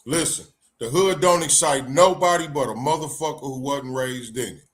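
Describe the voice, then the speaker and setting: A man's voice: medium pitch, moderate pace, a bit bright. A man co-hosting a live online talk show, speaking casually and handing out laid-back, street-wise advice. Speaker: co-host.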